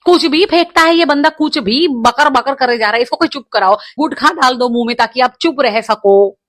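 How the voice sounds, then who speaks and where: High-voiced woman taunting mockingly. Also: normal speed, a bit bright, no room sound. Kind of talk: casual roast commentary.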